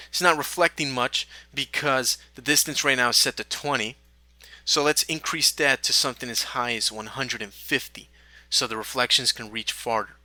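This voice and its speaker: A man teaching a software tutorial, talking through each step in a relaxed way with small fillers. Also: mid-range voice, no echo. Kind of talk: screen-recorded software tutorial.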